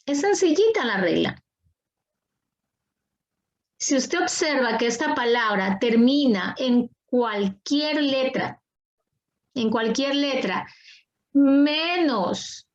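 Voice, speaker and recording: A woman's voice: sits high, expressive, slow pace, long pauses, lo-fi sound. A woman teaching an online class, patient and coaxing, repeating her questions to the students over a video call.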